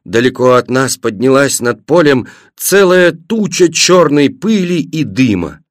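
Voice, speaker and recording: Expressive man reading a story aloud. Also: medium pitch, a little slow, dry recording, clean studio sound. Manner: expressive, varied reading with voiced characters. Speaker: narrator. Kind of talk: scripted narration of a children's story.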